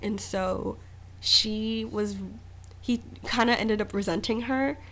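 A young woman co-hosting a podcast, chatting casually, animated and laughing often. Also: a little high, slow pace. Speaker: podcast co-host.

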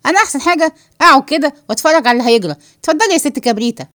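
Racing along in a high, animated and slightly bright voice that's pushed up, a woman voices a wisecracking Egyptian-accented man in a read-aloud play. He's a cheeky joker who teases everyone, carefree as he eats. The studio-quality audio has no echo.

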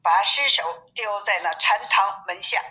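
A woman reading a classic storybook aloud, with expressive, steady narration. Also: mid-range voice, a little slow, rough recording.

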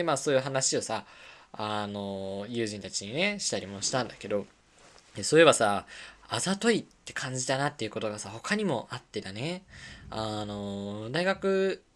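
Lively young woman telling stories on radio. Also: rumbling low. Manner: animated storytelling, acting out quoted lines. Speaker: radio show host. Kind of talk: solo casual talk radio.

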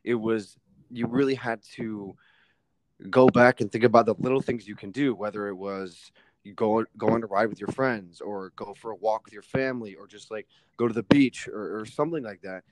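Poor audio and a dry recording capture a young man's lowish voice at a normal pace. He's a podcast guest in casual conversation, speaking emphatically, swearing casually and filling gaps with lots of fillers.

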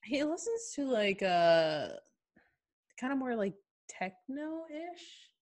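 A woman's voice: high-pitched, sing-song, slow, darkish tone. A woman co-hosting a podcast in casual chat, with an informal, slangy way of talking. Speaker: podcast co-host.

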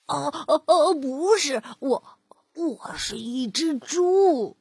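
A woman's voice: sits high, lively intonation, slow, vocal fry, darkish tone, no echo, studio quality, exaggerated voice. A woman voicing a timid, hungry old male wolf who stammers and mumbles in fear, in a storybook reading. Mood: flustered.

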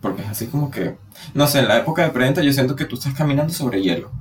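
Animated Venezuelan man chatting on a podcast. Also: mid-range voice, very fast. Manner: animated and dramatic, acts out quoted voices. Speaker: podcast co-host. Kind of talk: casual chat.

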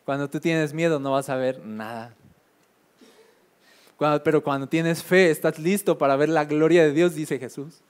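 A man's voice: fairly high pitch, normal speed, clean tone. A man preaching a casual sermon, chatty with frequent filler tags and emphatic repetition.

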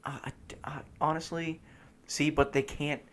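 A man's voice: on the high side, flat delivery, measured pace. A young man co-hosting a casual podcast, rambling through his stories with lots of fillers and laughing as he tells them. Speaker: podcast co-host.

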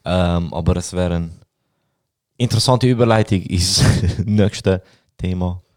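A young podcast co-host with a Swiss German accent speaks in a low, unhurried, slightly mellow voice. In a casual storytelling chat, he tells stories, acts out quotes and laughs often.

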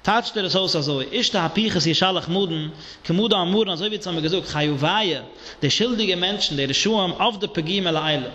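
Male rabbi, high bright chant-style Talmud lecture, roomy lo-fi hall recording. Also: brisk. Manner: singsong study chant, mixing Hebrew and Aramaic terms. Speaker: rabbi teaching a Talmud class. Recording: echoey dull lo-fi hall recording.

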